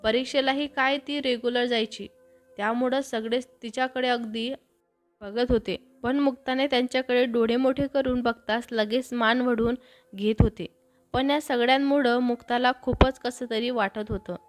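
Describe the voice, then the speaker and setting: A woman storyteller doing scripted narration of a romantic story, with a steady, even read-aloud delivery. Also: on the high side, moderate pace. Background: faint background music.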